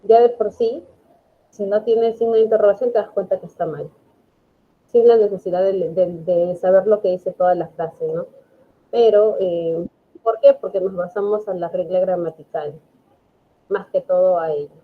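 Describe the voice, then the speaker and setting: A patient woman teacher walks her students through grammar in a steady, mid-pitched voice. She checks in constantly to make sure they follow. The sound is thin and phone-like, as from an online video call. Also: normal speed. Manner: patient, explanatory, asks "¿no?" often. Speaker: English teacher. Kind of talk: online class explanation.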